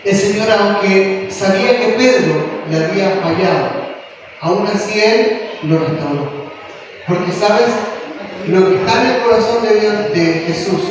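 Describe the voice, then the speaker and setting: A male pastor with a high voice preaches a sermon at a measured pace in a church hall, his speech full of rhetorical questions that build into impassioned calls. Heard from far off, the recording is echoey and carries background noise.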